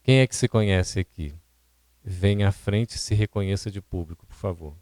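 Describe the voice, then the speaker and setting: A man's voice: sits low, normal speed, a little mellow, no room sound. Didactic Brazilian man lecturing. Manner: didactic, asks the audience questions. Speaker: seminar speaker. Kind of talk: lecture on public speaking. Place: seminar hall at a spiritist centre.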